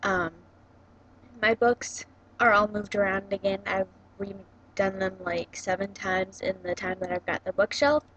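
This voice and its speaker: A woman's voice: medium pitch, flat delivery, measured pace, a bit bright. Young woman vlogging through a laptop mic. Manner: hesitant, many ums and likes. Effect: recorded through a laptop's built-in mic. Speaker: book vlogger. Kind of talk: casual chatty vlog. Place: room at home by a bookshelf. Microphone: built-in computer webcam mic. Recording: dull lo-fi laptop webcam audio.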